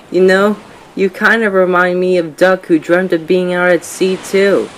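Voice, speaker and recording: A man's voice: high voice, level tone, takes it slowly, fairly bright tone, a little hiss or hum, poor audio. A man playing a friendly, concerned talking tank engine in an amateur audio drama. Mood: amused.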